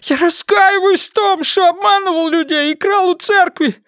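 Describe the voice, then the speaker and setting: A man's voice: very high-pitched, moderate pace, fairly bright tone, dry recording, studio quality, voice pushed up. A man voicing a cowardly fake preacher who sobs and begs frantically under torture. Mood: desperate pleading. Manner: sobbing, frantic pleading.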